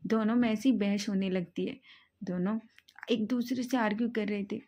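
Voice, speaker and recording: A woman retelling a romance fan fiction story in a casual, animated way. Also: mid-range voice, moderate pace.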